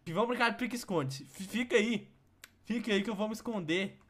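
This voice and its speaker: A young man with a Brazilian Portuguese accent hosts a gaming video in a high, slightly bright voice, talking briskly. He teases his partner and breaks into shrieking laughter during the playful commentary.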